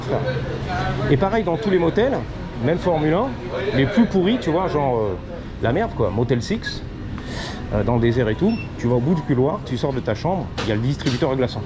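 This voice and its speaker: A man rambles to his viewers in loose slang, his voice sitting a bit high. He is outside by a busy road, and the traffic noise comes through clearly. The audio is muffled and lo-fi. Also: sing-song, brisk. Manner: slangy and rambling, drops English phrases. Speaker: vlogger. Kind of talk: casual street vlog chat. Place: outdoors on a street and parking lot. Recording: dull audio with loud street and traffic noise.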